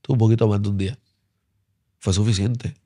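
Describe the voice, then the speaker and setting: A male pastor with a Puerto Rican Spanish accent, telling his story in an interview, earnest and repetitive, his voice sinking low and soft when moved. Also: steady tone, brisk, dry recording, clean studio sound.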